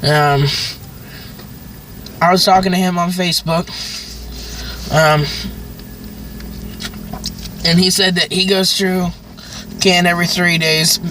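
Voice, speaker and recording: A young man from Maine chatting casually and haltingly to viewers, rambling as he gives an amateur review. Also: high-pitched, flat delivery, bright, forceful tone, slight background noise, poor audio. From northern Maine, United States. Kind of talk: casual vlog chat.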